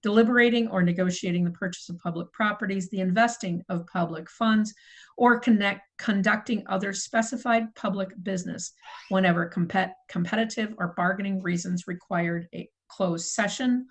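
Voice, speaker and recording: Middle-aged woman, committee chair, procedural agenda reading on a video call, mid pitch. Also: normal speed, poor audio. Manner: procedural, apologetic, self-correcting. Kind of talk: formal meeting chairing.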